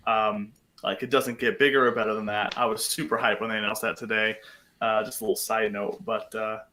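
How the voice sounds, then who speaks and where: A man co-hosting a sports podcast, talking in a chatty, excitable way with many fillers. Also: fairly low pitch, fairly quick, poor audio. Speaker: podcast co-host. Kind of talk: casual sports chat.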